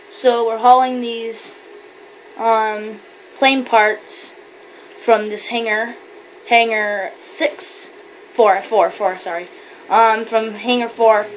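A woman's voice: on the high side, a little hiss or hum, low-quality recording. A woman giving rambling, chatty gameplay commentary while role-playing as a trucker, with many fillers and self-corrections. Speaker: gamer.

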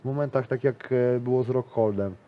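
Talking a little fast in a mid-range voice, the thirty-something grappler rambles through a casual interview, restarting often and leaning on fillers. The audio is narrow and tinny with slight hiss or hum, recorded in a small studio with a decorated wall.

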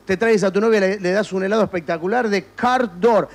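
A man's voice: sits high, fairly quick. A middle-aged man hosting a comic TV show, teasing his interviewees with mock outrage and holding a handheld mic indoors. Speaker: comic TV host. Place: indoor studio and shops. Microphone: handheld microphone.

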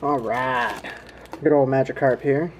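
Hosting a trading card pack-opening video, a man offers casual, folksy running commentary to viewers at a measured pace with fairly even intonation. His mid-range voice was captured indoors at home on a home camera, hands at a table. The rough recording has a little hiss or hum.

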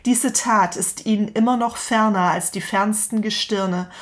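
A woman's voice: medium pitch, steady tone, measured pace, natural voice. A woman voicing a frantic prophetic madman, declaiming a long chain of passionate questions. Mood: impassioned. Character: frantic grown man, a prophetic madman with lantern.

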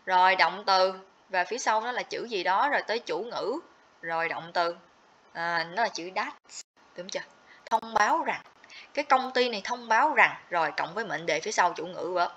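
A woman's voice: mid-range voice, animated, normal speed, fairly bright tone, a little hiss or hum. A woman teaching a livestream grammar lesson, explaining step by step and checking in with students often. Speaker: TOEIC teacher. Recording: slightly dull lo-fi audio.

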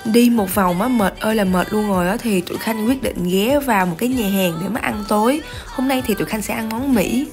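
A young woman speaks a little fast and nearly without pauses, her medium-pitched voice slightly mellow and marked by a Southern Vietnamese accent. She films a casual travel vlog at arm's length among outdoor shops, chatting eagerly to viewers over background music.

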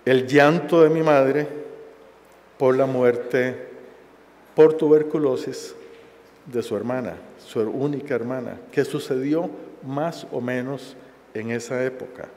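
Slow, solemn man in his sixties. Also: medium pitch, darkish tone. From Costa Rica. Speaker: speaker at a university forum. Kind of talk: formal public speech. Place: large university auditorium, indoors. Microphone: headset mic. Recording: long auditorium reverb.

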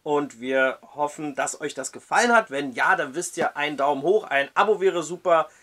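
A man reading a dark historical novel aloud in a measured storytelling way, then reviewing it as a book reviewer. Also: on the high side.

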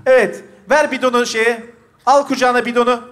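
A man's voice: extremely high pitch, steady tone, brisk. A man hosting a stage comedy show, calling out cues and ordering the players around while laughing. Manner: bossy, laughing, shouting cues. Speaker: host directing an improv scene. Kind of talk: stage improv direction.

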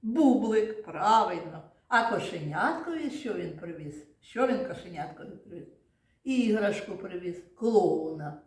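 Woman teacher for a children's lesson: unhurried, patient, sounds out words, recorded in a roomy, echoing classroom. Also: fairly low pitch, expressive, darkish tone. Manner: patient, questioning and praising, spells out sounds and syllables. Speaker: kindergarten teacher.

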